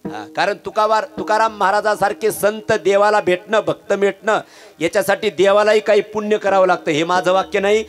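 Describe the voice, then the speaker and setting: A man's voice: high-pitched, steady tone, fairly quick. A middle-aged man preaching a devotional kirtan, telling stories with energy and breaking into sung verses. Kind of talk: devotional sermon with chanted verses.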